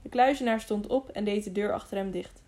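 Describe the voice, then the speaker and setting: Mellow-voiced woman reading an audiobook. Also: mid-range voice, brisk. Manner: steady reading with occasional restarts. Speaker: audiobook narrator. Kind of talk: audiobook narration.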